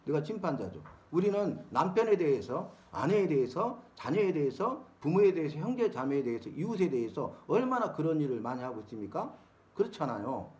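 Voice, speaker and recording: Middle-aged male pastor, lively preaching delivery, slightly high voice, keeps asking the congregation questions. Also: a little fast. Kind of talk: sermon-style Bible teaching.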